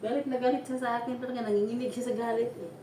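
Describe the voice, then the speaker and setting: A woman's voice: on the high side, fairly even intonation, racing, warm tone, roomy sound, distant mic, slight background noise. A middle-aged woman vlogging on a farm, chatting playfully and laughing as she baby-talks and sings to her dog. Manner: playful, laughing, sing-song teasing. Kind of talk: casual vlog chat and baby talk to a dog. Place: outdoors on a farm.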